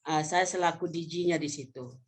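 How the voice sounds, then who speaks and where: The speaker is an Indonesian professor of vocational education from North Sumatra, a woman in her fifties informally presenting webinar slides. She talks conversationally, stopping and correcting herself, her voice low and slightly rough.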